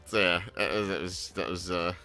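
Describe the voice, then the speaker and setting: A man's voice: sits low, steady tone, normal speed, sharp tone, soft background music. A man chatting casually on his hobby vlog, rambling with lots of restarts and fillers. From England. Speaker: hobby vlogger. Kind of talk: casual chat while painting miniatures.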